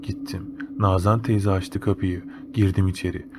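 A man's voice: low-pitched, level tone, moderate pace. A man narrating a first-person horror story in a casual, slangy, matter-of-fact way. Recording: noticeable background noise.

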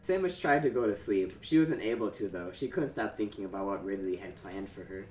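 A man's voice: on the low side, brisk, a little mellow, roomy sound. A man hosting a show, giving a casual comedic reading and laughing often as he goes. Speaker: host reading fan fiction aloud.

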